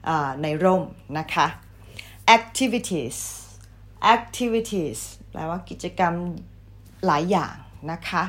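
Woman teacher, slow and polite, repeats each word louder, vocabulary lesson. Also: fairly low pitch, lively intonation. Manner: polite, ends phrases with soft particles. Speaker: English teacher.

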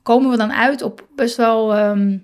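Woman, middle-aged, podcast host, slightly high voice, gentle hesitant monologue. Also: unhurried, clear, resonant tone. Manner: calm, hesitant, many fillers and self-questions.

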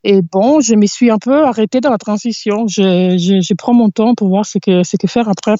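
Brief: Italian-accented woman, 40s, mellow, hesitant and searching for words, laughing easily, dry muffled outdoor recording. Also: mid-range voice, moderate pace, no room sound. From Italy. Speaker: podcast guest, cycling activist. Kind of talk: casual interview chat. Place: outdoors in a meadow, sitting against a tree.

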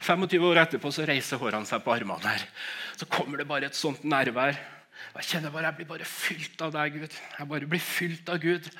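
Bright-voiced middle-aged man preaching. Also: a little high, creaky. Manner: emotional storytelling, stammering restarts, frequent laughs. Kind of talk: sermon with personal testimony.

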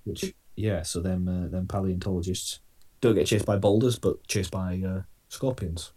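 Male co-host, low dark husky voice, dry and sweary, casual chat. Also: steady tone, moderate pace. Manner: dry, swears casually, presents dinosaur list. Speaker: podcast co-host.

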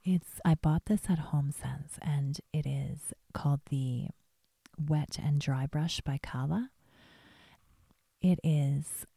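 Woman, ASMR beauty vlogger, soft whisper, low dark voice, gentle and chatty. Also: breathy edge, no room sound, clean studio sound.

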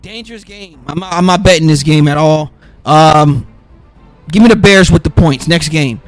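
A podcast host making football picks talks alone in a raspy, worn-down voice, sounding a bit sick and sitting a little high for a man. He rambles casually, restarts lines, and fills gaps with ums over faint music, and the audio is poor.

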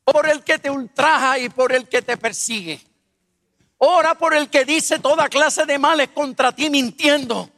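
High-voiced man preaching slowly. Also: gravelly, no room sound, clean studio sound, in a large hall. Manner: animated, humorous, asks the audience questions. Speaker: pastor. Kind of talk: sermon with personal storytelling.

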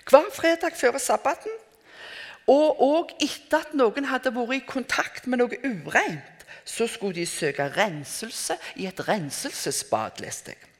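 An older woman delivers a sermon in a relaxed, conversational way, stopping now and then to rephrase herself. Her pitch rises and falls in lively swings. The sound carries a long reverb, as from a large hall. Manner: reflective, conversational preaching with hesitant restarts. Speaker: preacher.

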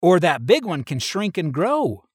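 Brief: man reading as an eager young hero, lively, raised pitch. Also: a little slow, breathy edge, no echo, clean studio sound, heavily acted. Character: brave young male hero.

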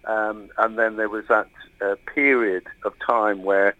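A man from Wales, appearing as an author on a radio interview, speaks in a lowish, flat, unhurried voice with no room sound. He hesitates a lot, restarting and filling gaps with ums. The audio comes through a tinny phone line.

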